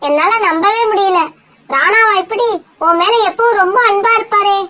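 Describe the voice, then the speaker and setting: A woman's voice: extremely high pitch, normal speed, pushed and bright. A woman voicing a caring older sister sparrow in a cartoon, soothing and concerned. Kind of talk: cartoon voice acting.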